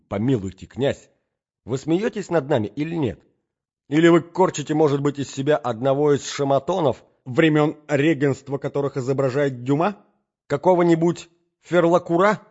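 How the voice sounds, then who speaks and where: An indignant middle-aged matron, put on by a male audiobook reader insists and demands answers. Her voice is raised high and pushed loud. The recording is dull and lo-fi. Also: natural voice.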